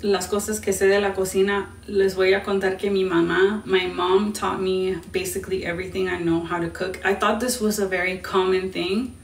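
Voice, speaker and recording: Speaking briskly and with hardly any pauses, a young Midwestern woman from Indiana chats with her TikTok live audience in a flat, medium-pitched voice, taking their questions and mixing Spanish into her English mid-sentence. She's recorded from a distance, giving a roomy, off-mic sound with slight hiss or hum.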